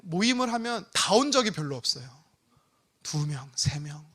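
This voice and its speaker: Bright, lively Korean pastor preaching. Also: male voice, high voice, normal speed. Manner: animated storytelling with prayer re-enactments. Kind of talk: sermon.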